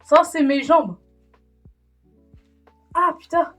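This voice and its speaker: A woman's voice: high voice, very slow, fairly bright tone, soft background music. A young woman from France vlogging on her phone, rambling and joking at herself in a casual way. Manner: rambling, self-mocking and chatty. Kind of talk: casual vlog chat. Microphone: handheld phone.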